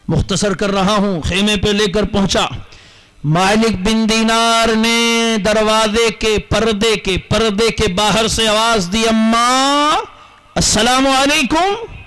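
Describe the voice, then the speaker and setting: A man giving an emotional religious sermon as a preacher, telling stories dramatically with shouted climaxes. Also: high voice, rough recording.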